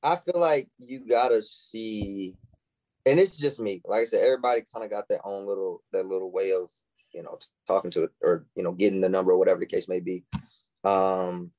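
A young man speaks as a guest on a podcast in a loose, casual way. He keeps acting out little quoted exchanges, so his pitch leaps up and down. The sound is close and dry. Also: moderate pace, dry recording, low-quality recording. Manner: animated, acts out quoted lines in shifting voices. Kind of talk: casual chat.

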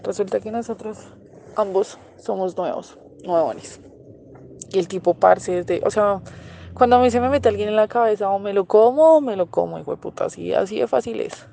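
A woman's voice: medium pitch, steady tone, normal speed, vocal fry, dark tone. A young Colombian woman telling a story casually, swearing freely and acting out the lines she quotes. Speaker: interviewee.

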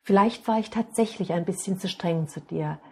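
A woman reading out a hardworking father who scolds his son loudly. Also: lowish voice, normal speed, breathy edge. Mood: soft apologetic. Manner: loud, scolding outbursts. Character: angry hardworking father, later remorseful.

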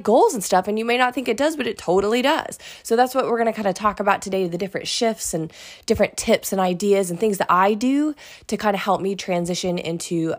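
Woman podcast host, scratchy voice, chatty and rambling, casual delivery. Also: medium pitch. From Oklahoma.

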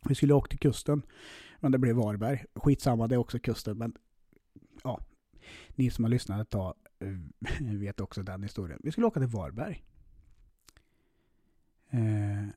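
A man's voice: mid-range voice, long pauses, dark tone, dry recording, studio quality. A man hosting a podcast, telling a personal story in a casual way with lots of swearing, fillers and restarts. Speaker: podcast host.

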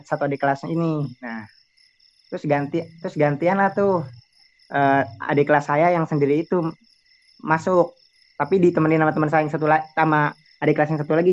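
A young man with a slightly high voice tells a spooky story. He rambles, trips over his words and backtracks often, and the recording sounds dull and lo-fi. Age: young adult. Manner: rambling, restarts, many hesitations. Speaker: guest student telling a ghost story. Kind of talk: casual storytelling.

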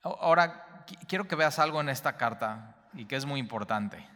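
A man's voice: medium pitch, lively intonation, normal speed, pushed and bright, long reverb tail. A man preaching a Bible teaching sermon, speaking straight to the listener and repeating key phrases for emphasis.

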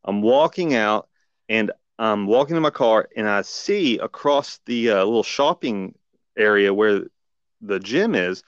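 A man's voice: lowish voice, lively intonation, a little slow, smooth, no echo, muffled recording. A man co-hosting a podcast, telling a story in casual chat and acting out the voices of the people in it. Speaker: podcast co-host.

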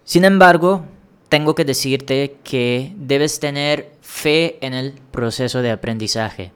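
Speaking in a clear, resonant mid-range voice, this Indian podcaster gives language-learning advice solo. His delivery is measured and encouraging, with a handful of small restarts.

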